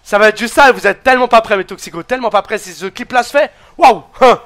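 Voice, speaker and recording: A young man streaming a wrestling video game, shouting excited play-by-play, counting pins, swearing and calling out to his viewers. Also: high-pitched, fast talker.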